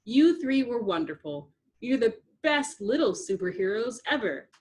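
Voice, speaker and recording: A woman's voice: a little high, big pitch swings, a little slow, a little mellow. A woman voicing a doting, overprotective fatherly scientist who gushes and fusses over the girls with sugary pet names. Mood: gushing.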